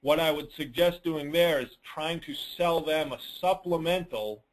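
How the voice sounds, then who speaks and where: A lawn care business coach hosts a dealer call, coaching informally and answering questions in a plain-spoken, advisory way with emphatic points. His mid-range voice has a fairly bright tone, and the recording is rough.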